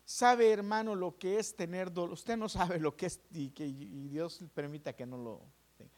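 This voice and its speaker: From the pulpit, a pastor shares his testimony as part of a sermon, his voice slightly higher than most men's and his pace moderate. He tells it as animated storytelling with lively swings, acting out exchanges with doctors and nurses and addressing his listeners as brothers.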